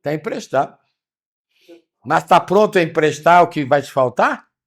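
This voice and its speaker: A man's voice: a little high, expressive, moderate pace. A man teaching a spiritual study class. He speaks animatedly, firing rhetorical questions and calling on listeners by name. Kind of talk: interactive spiritual lesson.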